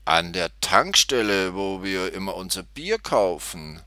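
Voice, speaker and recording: A man's voice: low-pitched, lively intonation, unhurried, pushed and bright, no echo, full character voice. Man voicing Anton, an easygoing bench drinker. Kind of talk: storybook reading.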